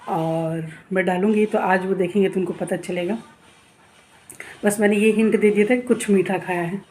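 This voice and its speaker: Woman vlogger, casual chatty storyteller, mid pitch, home room with faint street noise. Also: warm tone. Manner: chatty storytelling, acts out husband's quoted lines. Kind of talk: casual vlog chat.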